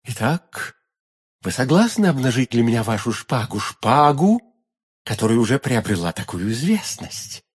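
A man voicing a vengeful, seductive noblewoman in an audiobook reading, speaking softly and insinuatingly. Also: mid-range voice, very animated, moderate pace, breathy edge. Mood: cold scheming.

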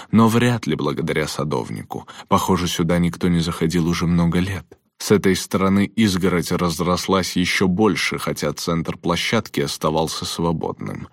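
Deep-voiced man reading a story. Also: dry recording, clean studio sound. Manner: measured, steady storytelling. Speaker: audiobook narrator. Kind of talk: scripted narration.

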